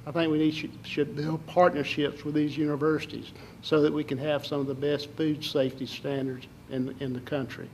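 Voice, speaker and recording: An older man from southern Alabama with a Southern Alabama accent, giving folksy, halting interview answers as a political candidate. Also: fairly high pitch, flat delivery, slight background noise, rough recording.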